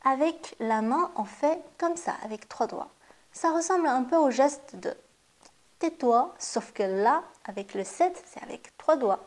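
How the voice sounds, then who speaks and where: Slow, careful woman teaching a lesson. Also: high-pitched, expressive, darkish tone. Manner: slow, careful modeling of pronunciation. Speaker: Chinese teacher. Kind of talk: classroom lesson.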